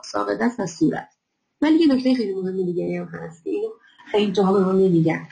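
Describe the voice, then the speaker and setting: A woman lectures on health over slides, her voice carrying a gravelly edge. She explains step by step at a middle pitch and stops often on filler sounds. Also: darkish tone, poor audio. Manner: explanatory, many filler pauses.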